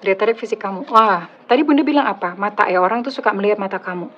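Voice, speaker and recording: A woman with an Indonesian accent and a slightly husky voice, doing a casual, chatty tarot reading for her viewers, teasing and joking as she goes. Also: mid-range voice, very fast, a little hiss or hum. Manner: chatty, teasing, laughs at own jokes. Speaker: tarot reader. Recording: slightly dull lo-fi audio.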